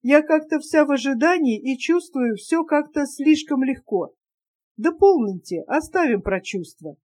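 A woman's voice: high voice, animated, darkish tone. A woman reading an eager young woman in love. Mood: agitated, tender. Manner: eager, quick, emotional.

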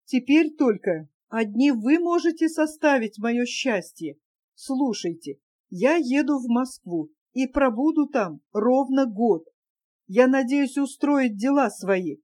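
A woman's voice: sits high, expressive, slow pace, darkish tone, heavily acted. A woman reading a grown man's earnest, solemn promises in a novel. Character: grown man, tender earnest suitor.

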